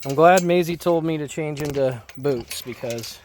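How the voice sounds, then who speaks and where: A man's voice: fairly high pitch, normal speed, a little mellow, a little hiss or hum. A middle-aged man casually narrating a walk-around homestead vlog outdoors, talking in a folksy way to viewers and animals. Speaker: homesteader vlogger. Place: outdoors on a muddy farm and under an animal shelter.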